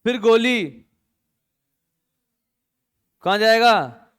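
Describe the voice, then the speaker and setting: Male teacher, high voice, resonant and clear, lecture, storytelling explanation, frequent check-ins. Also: animated, extremely slow, fairly bright tone. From India. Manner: explains through a silly story, keeps checking with students. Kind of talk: classroom lecture.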